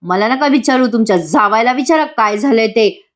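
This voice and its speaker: A woman's voice: fairly high pitch, expressive, moderate pace, lightly acted. A woman reading the lines of a protective middle-aged mother in a serial recap, stern and scolding. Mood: furious.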